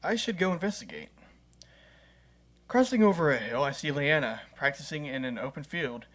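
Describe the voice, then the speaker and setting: A man's voice: on the high side, animated, normal speed, a bit bright. Playful man reading a game aloud. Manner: playful, laughs at the story. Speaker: gaming channel host.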